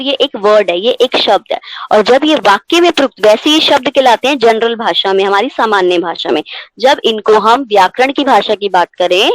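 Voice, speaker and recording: A woman's voice: mid-range voice, rough recording. A woman teaching a Hindi grammar class online, explaining step by step and asking her students questions, slipping English words into her speech.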